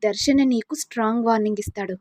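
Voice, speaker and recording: Woman reading a scheming young woman, pleading and self-pitying, slightly high, husky, dry sound. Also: fast talker, darkish tone, dry recording, lightly acted.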